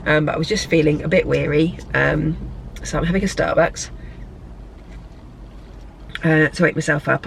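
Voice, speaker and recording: Speaking low, a bit bunged up with a cold, this woman rambles and chats to a tripod-mounted camera, correcting herself along the way in a casual vlog. The lifestyle vlogger films in a parked car, then a hotel room, and the recording is rough with slight background noise.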